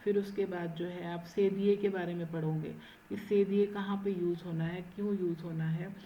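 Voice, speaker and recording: A woman teaching French in an online lecture, stressing each word slowly and often checking in with "है ना". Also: lowish voice, fairly even intonation, dull audio, slight background noise. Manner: mixes Hindi and English, frequent "है ना". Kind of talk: online lecture explaining accent marks.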